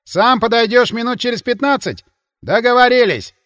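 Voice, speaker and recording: A man doing a loud rough-mouthed guard. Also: very high voice, moderate pace, big-room sound, pitched above the performer's own voice. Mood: rough banter. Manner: loud, coarse, grumbling. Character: brash scruffy male guard, loud and rough.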